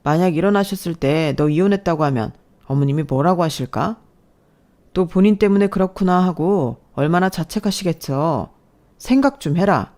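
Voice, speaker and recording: A cold, self-serving young husband, read by a woman who lectures and reproaches his wife in a scripted story narration. The voice is low-pitched and mellow. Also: expressive, normal speed, natural voice. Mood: lecturing.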